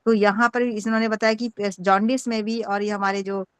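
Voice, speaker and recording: A woman's voice: medium pitch, little pitch movement, a little fast, clear, resonant tone, no echo. Give me a woman teacher reading and explaining course notes to students. Her voice sits in an ordinary middle range and sounds close and dry. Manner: explains in Hindi with English readouts, many fillers. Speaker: acupressure teacher. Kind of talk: online class lecture.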